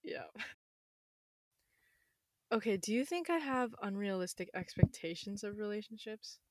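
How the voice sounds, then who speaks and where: A twenty-year-old woman with a slightly hoarse voice, chatting casually in a rambling, self-interrupting way. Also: medium pitch, animated, measured pace, no echo, studio quality. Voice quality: slightly hoarse, losing her voice. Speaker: podcast host. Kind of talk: casual chat.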